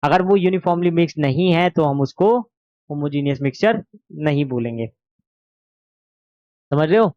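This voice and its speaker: A man's voice: a little high, lively intonation, moderate pace, long pauses, no room sound, dull audio. A man with a sore throat teaching an exam revision lesson, explaining patiently and asking and answering his own questions.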